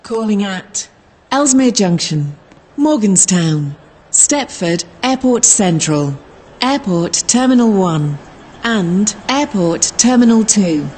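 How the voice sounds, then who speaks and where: A woman reading a scripted train station announcement in a formal, measured manner, in separate phrases. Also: medium pitch, expressive, darkish tone. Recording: noisy train ambience over station speakers. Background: train and platform noise.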